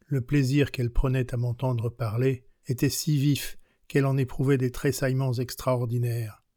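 A man reading as a passionate, worldly young countess in an audiobook of a classic novel, with a measured, unhurried delivery and a steady pitch. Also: no room sound, studio quality, close to an everyday voice. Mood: recounting.

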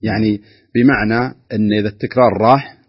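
A man's voice: on the low side, steady tone, quick pace, breathy edge, no room sound. A man teaching Quran recitation on a radio program, patiently demonstrating sounds with frequent hesitations, on a dull lo-fi recording. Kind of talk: explaining recitation rules on radio.

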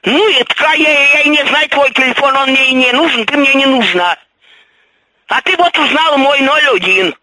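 A woman's voice: high voice, moderate pace, bright, forceful tone, no room sound, low-quality recording. An older grandmother on the phone, scolding and mocking the caller over and over.

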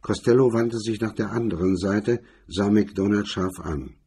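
A man narrating a crime story in a measured, steady reading. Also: on the low side, slightly rough.

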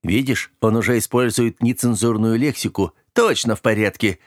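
A man voicing a friendly-sounding but menacing young man who switches between easy cheer and cold, clipped calm in an audiobook. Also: lowish voice, moderate pace, no echo, studio quality, lightly acted. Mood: breezy. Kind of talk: audiobook character voice.

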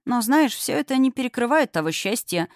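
A woman's voice: on the high side, expressive, fairly quick, no room sound, studio quality, voice pushed up. A woman doing a kindly reassuring doctor.

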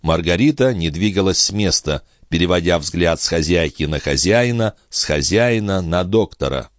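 A man narrating a classic novel as an audiobook, even and unhurried. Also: sits low, no room sound, studio quality. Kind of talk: scripted literary narration.

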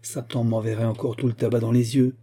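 A man's voice: medium pitch, little pitch movement, fairly quick, warm tone, breathy edge, close to an everyday voice. A man voicing a frightened, grumbling old grandfather in a told folk tale, muttering his lines.

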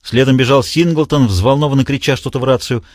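A man narrating a thriller audiobook in expressive storytelling style. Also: mid-range voice, brisk, dry recording, clean studio sound. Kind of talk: scripted narration.

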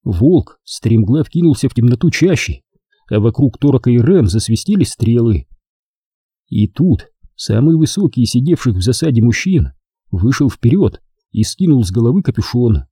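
A man reading an audiobook aloud with an expressive, dramatic delivery. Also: mid-range voice, normal speed, slightly rough, no room sound, clean studio sound. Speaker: audiobook narrator. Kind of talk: scripted audiobook narration.

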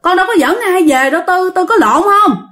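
A woman's voice: extremely high pitch, expressive, brisk, fairly bright tone, voice pushed up. A woman voicing a puzzled young woman who protests in bewilderment. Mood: bewildered.

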